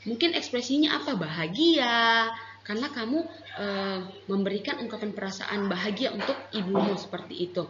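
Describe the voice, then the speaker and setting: An Indonesian-accented woman teaches young children in a gentle, patient, unhurried way. Her voice rings in an echoey room, and the recording sounds slightly dull with faint hiss behind it. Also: medium pitch. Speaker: primary school teacher. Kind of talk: online lesson for young children.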